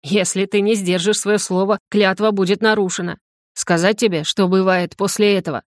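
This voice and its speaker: A woman's voice: mid-range voice, steady tone, normal speed, no room sound, studio quality, close to an everyday voice. A woman doing a stern, scolding rector. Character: hungover irritable male academy rector.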